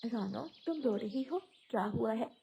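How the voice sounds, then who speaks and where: A woman's voice: a little high, animated, measured pace, gravelly, mellow. A woman voicing a kind female pigeon friend in a cartoon, speaking in a caring, soothing way.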